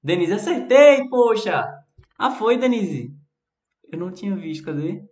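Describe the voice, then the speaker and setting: Brazilian male English teacher, chatty live-stream host, slow delivery, echoey room. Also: sits high, sing-song, darkish tone. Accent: Brazilian Portuguese. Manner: chatty, answers viewers by name, stretches example words. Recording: roomy echo.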